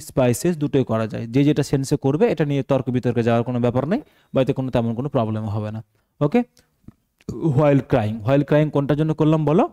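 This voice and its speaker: A man's voice: mid-range voice, dark tone. A male teacher, explaining a translation lesson step by step and posing questions to the class that he answers himself. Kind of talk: translation lesson for exam students.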